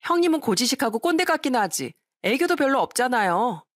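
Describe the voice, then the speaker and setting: A woman's voice: high voice, big pitch swings, brisk, no echo, clean studio sound, pitched above the performer's own voice. A woman reading an audio story, voicing a greedy young sister-in-law who talks down to the widow. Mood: snide. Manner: mocking, snide.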